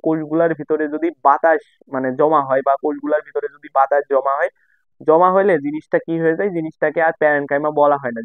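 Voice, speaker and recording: Quick-talking young tutor, tinny sound. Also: male voice, fairly high pitch, no echo. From Bangladesh. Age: young adult. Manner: conversational, repeats and rephrases points. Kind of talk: casual lesson to students. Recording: tinny phone-like dry sound.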